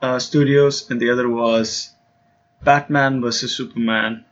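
A man's voice: mid-range voice, fairly even intonation, a little slow, dull audio. A man co-hosting a podcast, chatting casually in a hesitant, teasing way. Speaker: podcast co-host. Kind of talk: casual chat.

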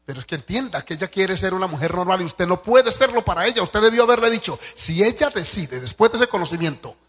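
A man pastor preaching a sermon to fellow pastors. He reads each point slowly, explains it emphatically, speaks straight to his listeners and acts out quoted dialogue. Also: sits high, lively intonation, fairly bright tone, slightly rough, in a large hall.

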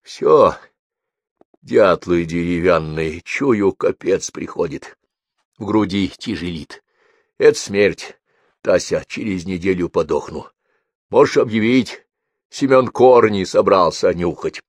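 A man voicing a foul-mouthed old man in his eighties on his deathbed, gruff and short of breath. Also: deep voice, slow, no echo, heavily acted. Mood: grim.

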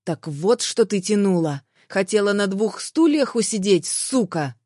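A woman's voice: medium pitch, animated, unhurried, warm tone, no room sound, clean studio sound. A woman voicing a jealous, enraged grown man in an audiobook. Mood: furious.

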